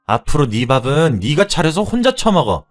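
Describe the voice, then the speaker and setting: A man voicing a furious, fed-up young wife who shouts and mocks her husband. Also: on the low side, animated, brisk, faint music behind, close to an everyday voice. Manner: shouting, scornful, biting.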